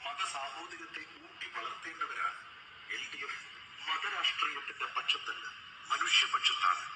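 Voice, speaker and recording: A man reading a recorded political campaign announcement in a declamatory, slogan-like way, played back through a campaign vehicle's loudspeaker. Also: fairly high pitch, moderate pace, breathy edge.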